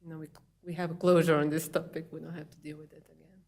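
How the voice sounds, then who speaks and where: A woman with a Bulgarian accent giving informal testimony at a public meeting, explaining things in a halting way. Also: sits low, flat delivery, darkish tone. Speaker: applicant, homeowner.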